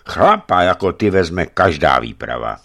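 A man's voice: sits low, big pitch swings, a bit bright, heavily acted. A man voicing a blunt, teasing male foreman of a trading party, in a raised, emphatic dialogue voice.

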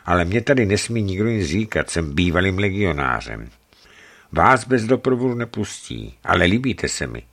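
A man voicing a shrewd, gruff middle-aged ex-legionnaire trucker who talks bluntly and matter-of-factly. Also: sits low, sing-song, a bit bright, heavily acted. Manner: blunt, matter-of-fact bargaining.

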